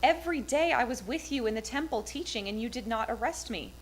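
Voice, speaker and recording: A woman's voice: on the high side, expressive, brisk. A woman giving a formal reading of scripture at a church service. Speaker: scripture reader at a Good Friday service. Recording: clearly noisy live recording.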